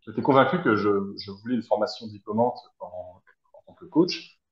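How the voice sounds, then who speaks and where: Thirties French guy on a roomy, dull-sounding video call, lower voice, thinks aloud and hesitates. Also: moderate pace. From France. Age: 30s. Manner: reflective, hesitant, searching for words. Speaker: guest, helping professional. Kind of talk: personal interview answers. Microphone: video call from abroad.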